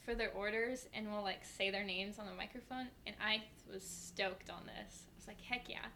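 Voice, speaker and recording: Bright-voiced young woman telling stories. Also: mid-range voice, moderate pace, slight background noise. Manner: lively, heavy use of "like" fillers. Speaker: guest. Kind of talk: casual storytelling.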